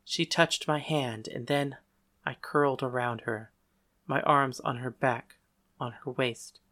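A man narrating a story in the first person, calm and measured. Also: mid-range voice.

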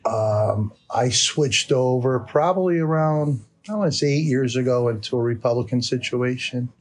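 Connecticut guy being interviewed, husky voice, plain talk, kinda hesitant. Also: mid-range voice, normal speed. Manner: plain-spoken, hesitant, searching for words. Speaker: interview guest. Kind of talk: casual interview answers.

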